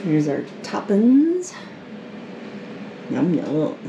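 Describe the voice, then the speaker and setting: A woman's voice: fairly low pitch, huge pitch swings, very slow. Chatty laughing woman vlogging at home. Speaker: vlog host, military wife. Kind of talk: casual chat to camera. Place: home kitchen. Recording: noisy home recording.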